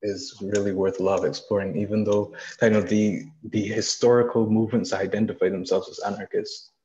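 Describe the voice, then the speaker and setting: A young man from Barbados, chatting casually as a participant on a video call, relaxed with fillers. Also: lowish voice, a little fast, highs cut off. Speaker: audience participant. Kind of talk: casual discussion.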